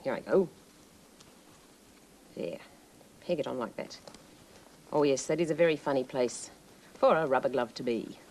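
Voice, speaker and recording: A woman presenting a children's TV show, talking slowly in a playful sing-song way to young children. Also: very deep voice, darkish tone, slight background noise, poor audio. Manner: slow, lilting, playful sing-song delivery.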